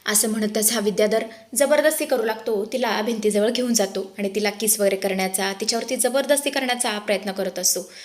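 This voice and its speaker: A woman narrating a TV serial recap in a lively storytelling manner, addressing listeners as friends. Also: mid-range voice, fairly quick, hardly any pauses.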